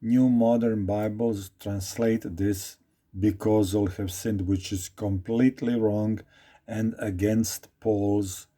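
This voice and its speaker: A Croatian-accented man, a Bible teacher, leads an informal Bible study at a slow, deliberate pace, lingering on each phrase and repeating words as he reads aloud. His voice is low and mellow with a slightly husky quality.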